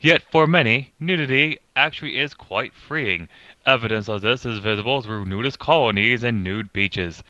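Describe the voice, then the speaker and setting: A man's voice: mid-range voice, moderate pace, sharp tone, dry recording, lightly acted. A man voicing a pompous British narrator as he reads an article aloud. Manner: pompous, with crude asides. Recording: dull lo-fi dry sound.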